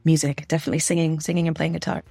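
A young adult woman answering podcast interview questions in a candid, chatty way with quick asides. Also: sits low, flat delivery, creaky, warm tone, breathy edge, no room sound, soft background music. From grew up in the Philippines, the States and Tunisia. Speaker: guest, diversity and inclusion consultant.

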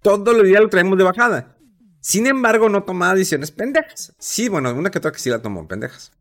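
Slangy Mexican man, high voice. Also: fast, soft background music. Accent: Mexican Spanish. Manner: animated, slangy, mocking impressions. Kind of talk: casual opinion chat.

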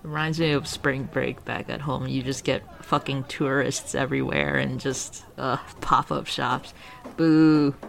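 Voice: medium pitch, level tone, a little slow, vocal fry, fairly bright tone. A co-host playing a tabletop game, chatting casually, swearing freely and laughing often. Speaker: player and co-host.

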